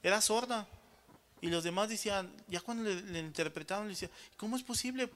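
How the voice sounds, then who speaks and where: Preaching a little fast in a high, fairly bright voice, this man addresses his congregation as brothers again and again, pausing after each point to check in with them.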